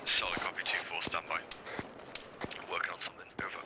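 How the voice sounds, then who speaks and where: A man's voice: low-pitched, completely flat delivery, fairly quick, heavy background noise. A man giving clipped, procedural military radio commands as a squad leader in a game.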